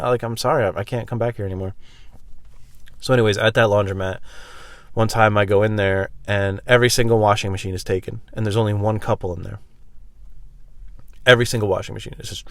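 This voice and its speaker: A man's voice: fairly low pitch, dry recording. A man in a casual, rambling comedic monologue at a laundromat, blunt and profane, acting out bits of dialogue as he goes. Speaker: vlog host telling personal stories.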